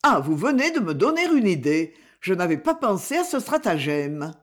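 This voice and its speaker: A woman's voice: lowish voice, very animated, moderate pace. A woman reading aloud, voicing a charming mature grandfather who speaks in a genial, gallant way. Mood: amused.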